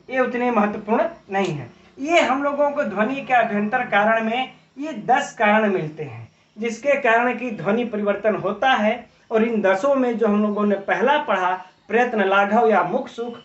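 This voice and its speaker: A man teaching an exam-prep lecture, explaining with examples, posing rhetorical questions and often adding a quick "right?" tag. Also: high voice, lively intonation, a bit bright. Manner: frequent tag "है ना". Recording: roomy, distant, dull lo-fi audio.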